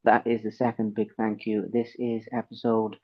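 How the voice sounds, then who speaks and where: Hosting a friendly interview podcast, this man is polite and effusive, warmly thanking his guests. His fairly low voice is monotone at a normal speed, with a slight sore throat, and the highs are cut off.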